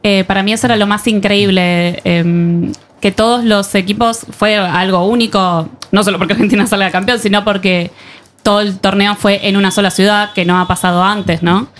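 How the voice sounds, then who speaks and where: A woman hosting a casual panel chat, lively and jokey. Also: medium pitch, moderate pace. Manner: lively, jokey, laughs easily.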